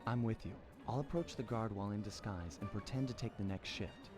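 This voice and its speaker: A man's voice: fairly low pitch, brisk, natural voice. A man voicing a suave young male raccoon thief who talks in a cool, laid-back, dry way, in a game. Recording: game audio with music behind.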